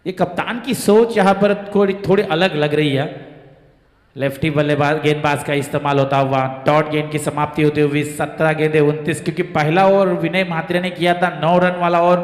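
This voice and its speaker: A man from giving live local cricket commentary in an excitable manner. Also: a little high, moderate pace. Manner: excited commentary, rising on boundaries. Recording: echoey PA-like sound with long reverb.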